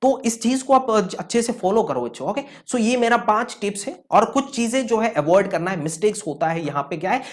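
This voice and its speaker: A man who teaches physics at a coaching centre, earnestly giving exam tips to students, often checking they understand and mixing in English phrases. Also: high voice. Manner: earnest, keeps checking understanding and calling listeners 'kids'; mixes English phrases into speech.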